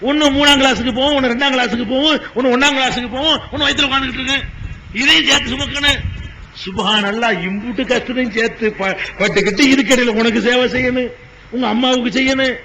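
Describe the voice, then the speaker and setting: High-pitched scolding preacher man. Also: quick pace, bright, forceful tone, slight background noise, low-quality recording. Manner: rhetorical questioning, scolding the audience. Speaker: Islamic preacher. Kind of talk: sermon.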